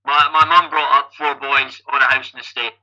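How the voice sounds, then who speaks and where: Here the Scottish endurance-running amateur, a man in his fifties, sounds mid-range and flat, talking at normal speed with a sharp tone. He's a podcast guest telling his life story in a conversational way and keeps restarting his phrases. The recording is rough.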